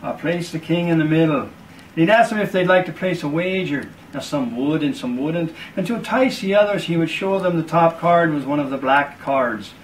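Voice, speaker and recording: A man with a slightly higher voice spins a slow, deliberate story as he does a card trick. He is a bit distant from the mic. A faint hiss of background noise sits behind him. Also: expressive. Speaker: magician.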